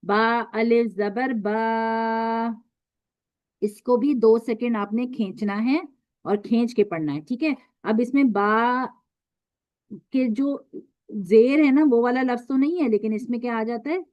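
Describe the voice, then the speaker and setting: A woman teaching Quran recitation in an online lesson, patient and repetitive, stretching letter sounds slowly to show them. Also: on the high side, no room sound, lo-fi sound.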